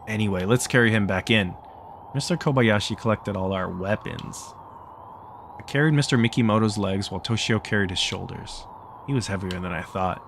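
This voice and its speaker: A man's voice: fairly low pitch, normal speed, background noise. A man reading a visual novel's text aloud for a let's play, narrating plainly and stopping now and then to joke and laugh. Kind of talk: reading game text aloud with casual asides.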